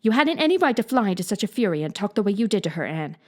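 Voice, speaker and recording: A woman's voice: mid-range voice, sing-song, very fast, close to an everyday voice. A woman reading as a stern, dry guardian. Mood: scolding. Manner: severe, dry.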